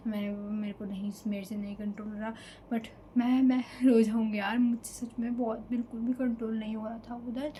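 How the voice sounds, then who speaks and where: A woman's voice: on the high side, little pitch movement, a little fast, warm tone, slight background noise, low-quality recording. A young woman from Delhi telling an emotional storytime vlog in a casual chatty way, slipping in English fillers. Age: young adult. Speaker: vlogger.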